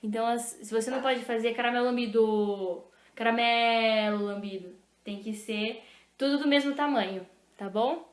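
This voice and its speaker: A young woman teaching an online music lesson, slowly and patiently explaining rhythms and chanting syllables to the beat. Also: fairly high pitch. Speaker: music teacher for a youth club. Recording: echoey room, faint noise.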